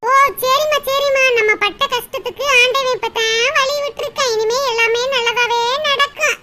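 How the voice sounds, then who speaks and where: A woman puts on a homely elder sister-in-law who fusses over the family in a gentle, motherly way. Her voice is very high, over a steady hiss. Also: normal speed. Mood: caring. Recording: noisy recording with steady hiss.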